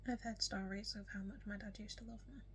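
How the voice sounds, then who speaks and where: Chatting casually to the camera in a get-to-know-me vlog, a nineteen-year-old from West Yorkshire, England, speaks with a strong Yorkshire accent, frequently soft and whispery, with plenty of ums and an occasional hiccup. She talks quickly at a medium pitch with fairly even intonation, and there's slight background noise.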